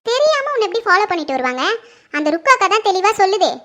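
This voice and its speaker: A shrill, bright-voiced mother berates her grown daughter in a homemade family skit, as a performer puts her on. She is sharp, accusing and demanding. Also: big pitch swings, quick pace, full character voice. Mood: angry, accusing. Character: furious middle-aged mother, suspicious and scolding. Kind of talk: home-made Tamil family skit acting.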